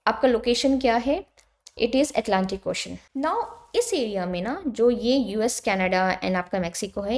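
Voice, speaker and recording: A young Indian woman teaching a geography lesson, explaining patiently and often checking that her students are following. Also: fairly high pitch. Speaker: exam coaching teacher. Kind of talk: explanatory lecture mixing Hindi and English.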